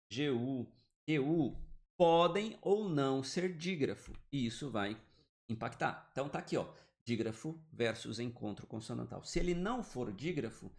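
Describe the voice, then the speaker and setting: Gravelly-voiced man teaching grammar. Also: mid-range voice. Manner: explanatory, checks in with "né?" and "beleza?". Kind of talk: online grammar lesson. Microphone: computer mic, drawing with the mouse.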